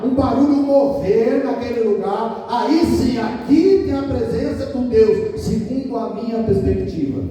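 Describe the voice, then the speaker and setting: High-voiced preacher in an echoing hall. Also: male voice, mellow. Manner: emphatic preaching with rhetorical questions. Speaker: pastor. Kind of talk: sermon. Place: large church hall. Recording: echoey hall, distant mic.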